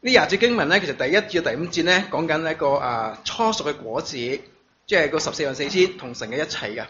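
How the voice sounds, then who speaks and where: A man preaching a sermon, reading scripture in a measured way and using halting fillers when he speaks freely, at a church service that is also streamed online. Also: fairly high pitch, expressive, a bit bright. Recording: dull lo-fi recording with congregation noise.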